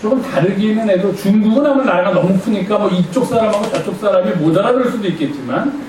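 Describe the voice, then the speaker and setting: A man's voice: sits high, animated, fast, darkish tone, far from the mic. A male pastor giving a conversational sermon, playfully quizzing his congregation. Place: church sanctuary. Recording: echoey church hall from afar.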